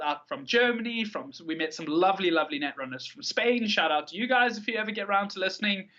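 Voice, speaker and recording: Speaking with a South African accent, this man is a card game tournament player guesting on a podcast, offering lengthy, articulate and enthusiastic replies in a conversational interview. His fairly high voice sounds pushed and bright, though the recording is muffled.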